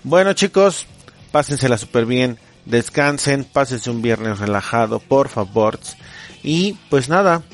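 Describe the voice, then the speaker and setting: A man's voice: medium pitch, lively intonation, measured pace. A man with a Mexican accent, a teacher hosting a casual podcast, telling jokes in a playful way, full of slang and chuckling at his own punchlines.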